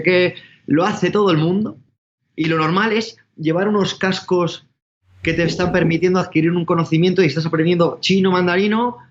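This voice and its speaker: A man's voice: high-pitched, highs cut off. A man from giving an interview, talking casually in a rambling, self-correcting way. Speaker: interview guest, entrepreneur.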